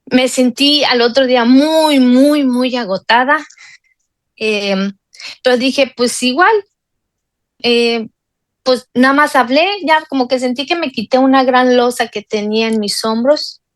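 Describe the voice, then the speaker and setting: A woman in her forties shares a personal testimony in a slightly high voice. She talks earnestly and confidingly, often pausing on fillers and tag questions. The recording is dry and close, with no room echo. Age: 40s. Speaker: guest sharing a healing testimony.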